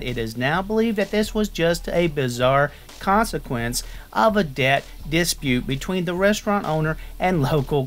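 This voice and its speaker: A man's voice: a little high, a bit bright. A man hosting his own channel, reading a news article aloud and adding loose, jokey asides.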